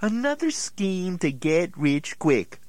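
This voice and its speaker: A man's voice: high voice, sing-song, takes it slowly, a little mellow, no echo. A man playing the incredulous, exasperated straight man in a scripted radio comedy dialogue.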